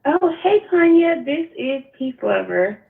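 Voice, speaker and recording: A Mississippi woman calls in for coaching, speaking hesitantly and personally and searching for her words in an unscripted phone conversation. Her voice is high-pitched and creaky with an unhurried, sing-song flow. The narrow-band phone line sounds tinny.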